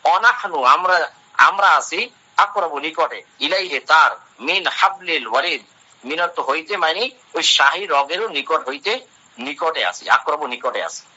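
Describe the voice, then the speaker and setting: A male Islamic lecturer with a fairly high, sharp voice speaks at a normal pace, explaining Quran verses by translating Arabic phrase by phrase. He poses questions and answers them himself, and the recording sounds dull and lo-fi.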